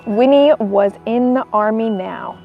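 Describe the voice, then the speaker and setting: A woman reading a children's book aloud in an expressive storytelling style, as a narrator for young listeners. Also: a little high, unhurried, gravelly, phone-quality sound, faint music behind.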